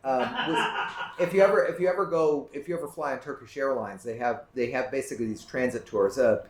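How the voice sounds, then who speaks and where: A man's voice: medium pitch, brisk. A man presenting a trip slideshow to a club audience in a casual, rambling way, restarting his sentences often. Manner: rambling, self-correcting, many restarts. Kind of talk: casual slideshow talk to a group. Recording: roomy room echo, faint background noise.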